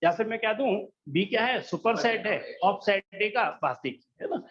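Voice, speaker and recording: A man's voice: sits high, lively intonation, normal speed, fairly bright tone, dull audio. A man teaching a math class, patient and coaxing, often checking that students follow along. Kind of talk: classroom lesson.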